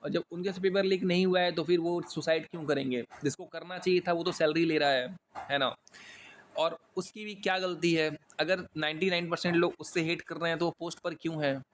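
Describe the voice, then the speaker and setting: A man's voice: fairly high pitch, steady tone, brisk, slight background noise. A man with an Indian accent giving a casual vocabulary lesson, chatty with jokey asides and some stumbles over long words. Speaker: exam English teacher.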